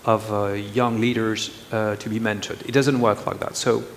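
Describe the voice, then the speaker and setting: A man's voice: on the low side, flat delivery, moderate pace. A male panelist speaking hesitantly with many fillers and slightly non-native phrasing. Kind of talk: panel discussion. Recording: reverberant hall with faint noise.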